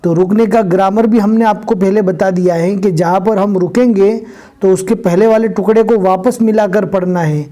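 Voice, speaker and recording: A man teaching Quran reading, reciting verses in a slow drawn-out chant and then quickly explaining pronunciation, repeating words for practice. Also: sits high, fairly even intonation, warm tone. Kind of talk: Quran recitation lesson with Hindi-Urdu explanations.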